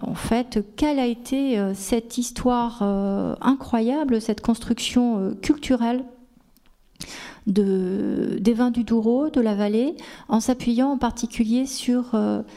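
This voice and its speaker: A woman moderates a conference panel, stopping often to restart her sentences and fill pauses. Her voice sits a little high and has a soft, mellow tone. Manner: halting, many fillers and restarts. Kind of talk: hesitant conference introduction. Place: conference hall.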